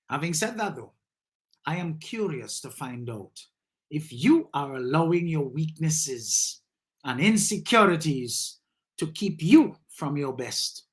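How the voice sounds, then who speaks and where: A man with a high, fairly bright voice hosts a live session. His reflective commentary builds into motivational preaching, delivered in a measured way with emphatic rises.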